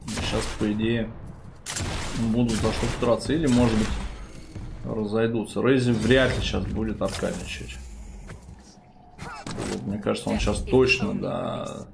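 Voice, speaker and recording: A man's voice: on the low side, fairly even intonation, normal speed, pauses often. A man giving live esports commentary in an informal way, full of gamer slang. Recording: clear background game noise.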